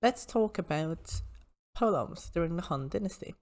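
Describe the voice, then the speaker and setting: A woman's voice: fairly low pitch, expressive, moderate pace, a little mellow. A woman hosting an informal explanatory history talk, with hesitant asides as she explains.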